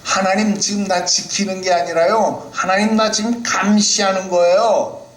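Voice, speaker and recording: A man voicing Job as a grown man petulantly complaining to God in high, pleading tones within a sermon. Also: fairly even intonation, moderate pace, reverberant, lightly acted. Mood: aggrieved.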